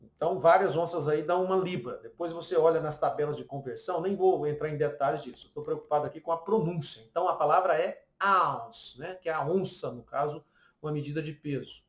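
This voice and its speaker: In a reverberant recording, a Brazilian man with a fairly high pitch and a slightly fast pace teaches English pronunciation in a Brazilian Portuguese accent. He explains patiently and keeps checking in with the listener through frequent "né?" and "ok?" tags.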